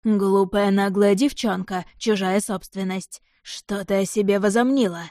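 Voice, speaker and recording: A woman's voice: medium pitch, steady tone, dark tone, dry recording, clean studio sound, lightly acted. Iresh, a woman doing a hissing demon-dragon emperor. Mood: contemptuous rage. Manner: slow, hoarse, possessive hissing. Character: arrogant furious male demon-dragon emperor.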